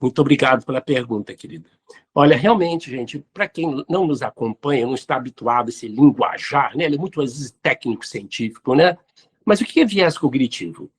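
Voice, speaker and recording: A man's voice: medium pitch, animated, a little fast, slightly rough. A man, hosting and answering listener questions in an explanatory talk on neuroscience and spirituality. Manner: didactic, addresses listeners directly.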